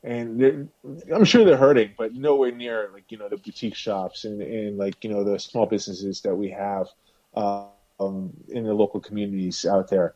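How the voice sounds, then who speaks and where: A man's voice: fairly low pitch, fairly even intonation, normal speed, warm tone, no room sound. A man hosting a casual podcast discussion, talking in a rambling way with many restarts. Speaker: podcast host. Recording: dull dry lo-fi audio.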